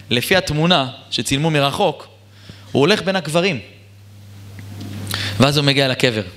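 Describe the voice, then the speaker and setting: A man, a rabbi with an Israeli Hebrew accent, telling a story in a sermon and acting out the dialogue with rising emotion. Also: fairly bright tone. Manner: emotional, rising to high exclamations.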